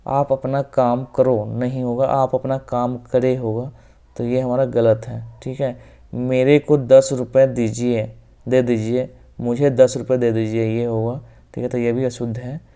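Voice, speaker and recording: A man with a North Indian Hindi accent teaching an exam-prep grammar lesson, going through questions step by step, repeating the correct answers and often dropping quietly at the end of a phrase. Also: medium pitch, little pitch movement, measured pace, clean tone. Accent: Hindi-speaking North Indian.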